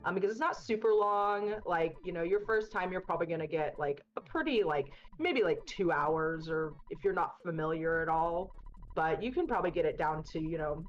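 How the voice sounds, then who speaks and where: A woman's voice: lowish voice, normal speed, slight background noise. A woman doing casual, upbeat race commentary, her voice coming through a built-in webcam mic that sounds like she is in a tunnel. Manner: upbeat, chatty, many fillers. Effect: muffled webcam mic that sounds like a tunnel.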